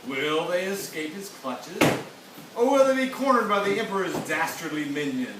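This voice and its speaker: A man's voice: sits high, lively intonation, normal speed. A man playing a theatrical 1940s-style radio serial announcer who plugs a sponsor and teases the next scene. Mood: dramatic. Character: old-time serial radio announcer, hammy and cheerful. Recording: echoey theatre from far off, noisy.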